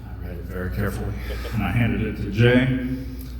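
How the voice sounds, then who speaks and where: A man's voice: lowish voice, brisk. A young man telling a joking, chatty story on stage at a live storytelling event, full of fillers and asides. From United States. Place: stage in a hall with a live audience. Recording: echoey hall picked up from a distance, crowd audible.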